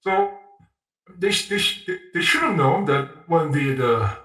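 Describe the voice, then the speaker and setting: A man from Canada talking in a casual conversation, halting with many restarts and fillers. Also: on the high side, wildly swooping pitch, pushed and bright, soft background music. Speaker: guest, YouTuber. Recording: roomy, distant from the mic.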